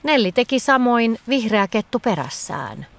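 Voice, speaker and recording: A woman narrating a children's story in a gentle, expressive reading voice. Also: fairly high pitch, gravelly, a little hiss or hum.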